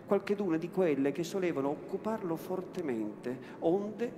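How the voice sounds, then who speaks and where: A man, an actor, giving a slow dramatic reading of a classic novel, repeating words for weight, in a large cathedral. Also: sits high, expressive. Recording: echoey cathedral, long reverb, faint room noise.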